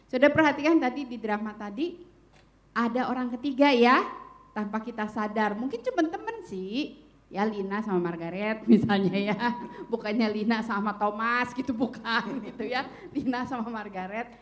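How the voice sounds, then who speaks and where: A woman's voice: a little high, normal speed. A middle-aged woman speaking at a church family seminar in a chatty, playful way, often addressing the audience directly. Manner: lively, playful humor.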